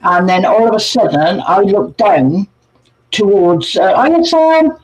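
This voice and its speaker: A man's voice: high-pitched, lively intonation, slow, low-quality recording. A man chatting casually on a livestream as co-host, telling ghost stories and greeting viewers by name over a video call. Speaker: co-host, paranormal investigator.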